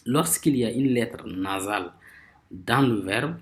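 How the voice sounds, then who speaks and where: Man teaching grammar, slow deliberate delivery, repeats himself, stresses example words. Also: on the low side, animated. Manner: slow, repeats words while searching for phrasing; pronounces example words slowly and emphatically. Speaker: language teacher. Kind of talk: grammar lesson explanation.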